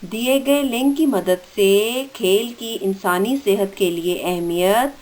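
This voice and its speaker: A woman's voice: medium pitch, a little mellow. A woman teacher in an online school lesson, reading out vocabulary words one by one and explaining their meanings. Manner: reads vocabulary words then gives meanings; slow deliberate dictation pace.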